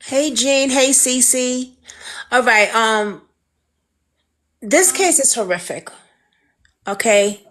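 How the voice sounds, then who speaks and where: A woman's voice: on the high side, slow pace, pauses often, a bit bright. Female host, Brooklyn accent, informal and direct, chatting plainly through an interview. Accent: Brooklyn, New York. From Brooklyn, United States. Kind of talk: casual conversational interviewing.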